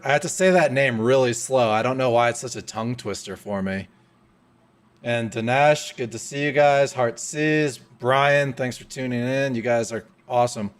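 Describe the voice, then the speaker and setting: A man's voice: mid-range voice, smooth. Upbeat man hosting a coding stream. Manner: upbeat, laughs often, thinks aloud while working. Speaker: host of a coding live stream. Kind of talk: casual live-stream chat.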